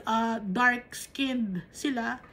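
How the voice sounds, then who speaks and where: A woman's voice: fairly high pitch, very slow, a bit bright. A woman with a Filipino accent teaching a Bible study, switching between Tagalog and English and asking rhetorical questions.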